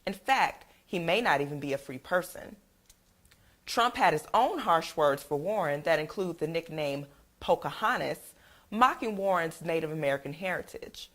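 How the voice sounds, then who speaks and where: A woman anchoring a news broadcast, reading the stories in a measured, even newsreader manner. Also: lowish voice. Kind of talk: read news report.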